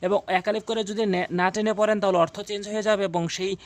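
A man teaching Quran reading in a video lesson, drilling syllables slowly and repeating sounds. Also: sits high, steady tone.

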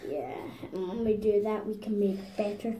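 A woman's voice: mid-range voice, moderate pace, echoey room, crowd noise, low-quality recording. A young girl chatting casually with a friend while drawing, insistent and a little bossy. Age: child. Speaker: vlog co-host.

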